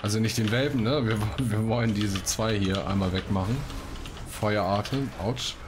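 With music playing behind him, a man with a fairly low voice talks at a normal speed through a casual let's play. He reads quests aloud and keeps things chatty, often bursting into exclamations. The clear recording from his room at home also catches background noise and typing.

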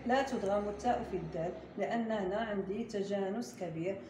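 A woman with a Moroccan Arabic accent teaching Quran recitation to a class, quizzing her students and slowly drawing out each example word. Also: medium pitch. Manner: patient, slow and drawn out when modelling recitation; quizzes the class and prompts answers. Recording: echoey room with steady background noise.

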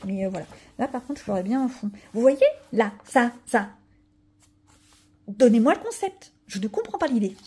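A woman's voice: fairly high pitch, a little fast, hardly any pauses, darkish tone, slight background noise. A woman chatting casually to viewers about her coloring books, rambling with many asides and fillers. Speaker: coloring vlogger. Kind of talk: casual chat showing coloring pages.

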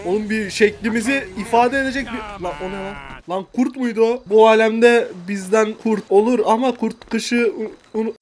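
A man commentating his own game with loud, playful gangster bravado. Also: high voice, fairly even intonation, normal speed, hardly any pauses, background noise. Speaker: gameplay commentator. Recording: music bed under voice.

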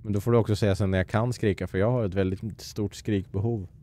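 A man streaming himself playing a game, a parent who chats with his viewers and talks at the characters on screen, breaking into sudden yells. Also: lowish voice, steady tone. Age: adult parent. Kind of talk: live let's-play commentary.

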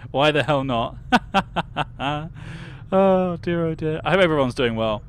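A young man from Britain talks through a game on a live stream, greeting viewers, laughing and musing aloud. His voice sits a little high for a man. A faint hum runs under the recording. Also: expressive, takes it slowly. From United Kingdom. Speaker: livestreamer. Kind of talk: casual game livestream chat.

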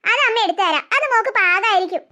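A doting cartoon mother, voiced by a woman, fussing, coaxing and gently scolding. The voice is pitched high and bright for a mother. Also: quick pace. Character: fussing, soothing middle-aged mother. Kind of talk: cartoon story voice acting.

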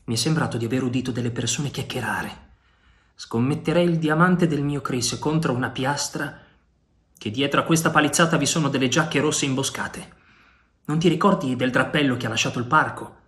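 A man's voice: mid-range voice, a little fast, close to an everyday voice. A man voicing a bold, loyal male pirate adventurer who urges and teases his friend, in a storybook reading. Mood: hushed. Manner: urgent, shouting commands.

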